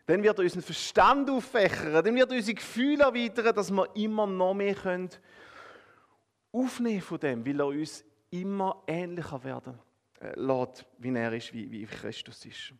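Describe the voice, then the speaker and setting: A man with a Swiss German accent preaching a sermon, talking straight to his listeners and swinging between emphatic, rising phrases and hushed, drawn-out ones. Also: high voice, lively intonation. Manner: addresses listeners directly with a conversational "oder?".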